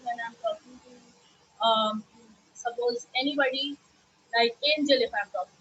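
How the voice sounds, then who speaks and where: A woman teacher explaining grammar in a live online class, often pausing to check with "okay?" and repeating examples. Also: sits high, a bit bright, muffled recording, slight background noise.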